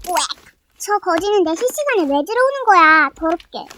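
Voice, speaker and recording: Female skit voice, sped up and very high, playful and exaggerated, faint hiss behind. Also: sing-song, brisk, bright, forceful tone. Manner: playful, exaggerated tongue-twister delivery. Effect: sped up to 130 percent. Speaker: storyteller voicing her own slime skit. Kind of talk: fast comic skit narration.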